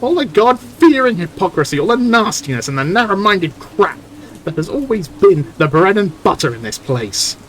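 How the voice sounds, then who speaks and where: A man's voice: high voice, big pitch swings, normal speed, fairly bright tone, slight background noise, voice pushed up. A man reading the lines of a furious, grieving young woman in a point-and-click game. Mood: angry. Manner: heated, indignant reading of game dialogue.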